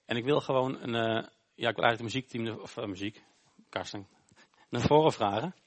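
A male pastor gives an informal sermon during a church service. He tells a Bible story conversationally, often pausing on "eh". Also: medium pitch. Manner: informal, storytelling, with frequent hesitations.

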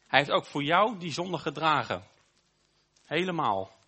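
Male preacher, fairly high, bright, slightly husky voice, emphatic repetitive sermon delivery. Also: big pitch swings. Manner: emphatic, repetitive preaching cadence with slow stressed phrases.

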